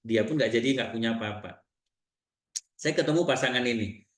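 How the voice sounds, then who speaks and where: A man with an Indonesian accent giving a seminar talk, telling client stories in lively quoted dialogue. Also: mid-range voice, fairly quick, reverberant. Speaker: seminar trainer.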